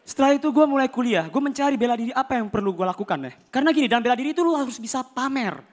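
A young man performing a stand-up comedy routine, animated, acting out characters with sudden shouts and voice changes. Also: extremely high pitch, very fast, a little hiss or hum.

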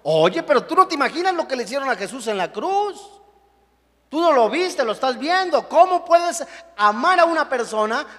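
A young man preaches a sermon with a high, lifted voice. He is animated and slips into the voices of the people he quotes. His words ring out with a long reverb, as in a church hall. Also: moderate pace. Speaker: pastor.

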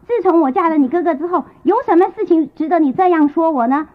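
A woman voicing a quarrelsome, sharp-tongued young wife in a told story, scolding indignantly. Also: very high-pitched, fast, voice pushed up. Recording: tinny lo-fi tape.

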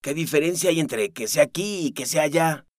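An earnest professor who pleads in a plain, middle-pitched voice. A man voices him in an audiobook. The room is dry and close. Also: normal speed, no room sound, close to an everyday voice. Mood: puzzled.

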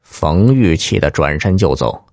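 A man hosting a story show, narrating in a lively, colloquial way and acting out each voice. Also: rumbling low, unhurried, vocal fry, dry recording, studio quality. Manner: lively, colloquial, acts out every voice. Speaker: storyteller host.

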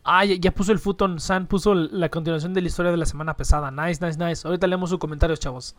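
A young woman with a Mexican accent hosts a livestream, ranting and chatting casually with a guest. She talks fast in a lowish, fairly even voice with no echo, using slang, swearing freely, and tagging her phrases with questions.

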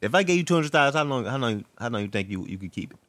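A man's voice: mid-range voice, lively intonation, very fast, fairly bright tone, dry recording. A young man co-hosting a casual podcast, easygoing, laughing often and answering with short agreeing sounds. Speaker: podcast co-host.

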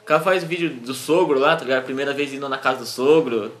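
A man's voice: medium pitch, steady tone, fast, fairly bright tone. A young man with a Brazilian Portuguese accent chatting casually in slangy street talk full of filler words. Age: young adult. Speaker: small online video creator. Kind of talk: casual chat.

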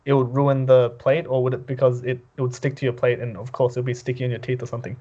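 A man's voice: mid-range voice, flat delivery, fast, warm tone, breathy edge, muffled recording. A young man co-hosting a casual podcast over a call, curious, firing off follow-up questions and restarting his sentences. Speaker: podcast co-host. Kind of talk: casual chat. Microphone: remote call.

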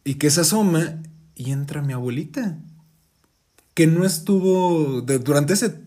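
A man with a Mexican Spanish accent tells a family anecdote during a relaxed conversation. His voice sits a little high for a man, and he keeps a loose storytelling flow while quoting relatives. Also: a little slow. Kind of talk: casual chat, storytelling.

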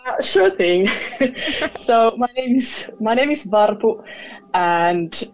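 A woman's voice: on the high side, expressive, takes it slowly. Finnish woman chatting over a call. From Finland. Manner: laughs often, hesitant with fillers. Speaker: guest. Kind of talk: casual chat. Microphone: video call. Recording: dull lo-fi call audio.

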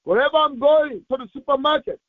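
A man with a very high voice speaks fairly quickly with no echo, preaching and leading fervent Pentecostal prayer as a pastor. He is insistent and repetitive, exhorting phrase by phrase. The sound is thin and phone-like, as on radio.

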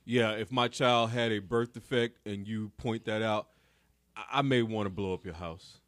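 A man's voice: fairly low pitch, moderate pace, dry recording. Wry man hosting a podcast. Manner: wry, deadpan jokes. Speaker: podcast host. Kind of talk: casual banter.

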